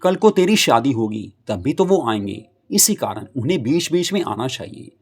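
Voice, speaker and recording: Easygoing middle-aged mom, lonely but cheerful, gravelly husky voice, a guy reading her lines. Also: medium pitch, sing-song, normal speed. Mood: fond.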